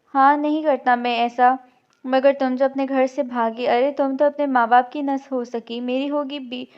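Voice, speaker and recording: A woman's voice: sits high, level tone, normal speed, highs cut off, natural voice. A woman voicing a sneering young man. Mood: scornful. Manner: taunting, contemptuous. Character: cruel, mocking young man.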